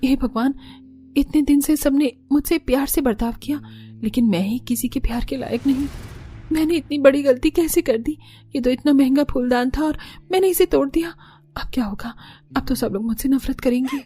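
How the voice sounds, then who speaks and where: A woman's voice: high voice, moderate pace, mellow, close to an everyday voice. A woman voicing a timid young orphan bride in a cartoon story, anxious and apologetic. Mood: distressed. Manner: apologetic, tearful pleading.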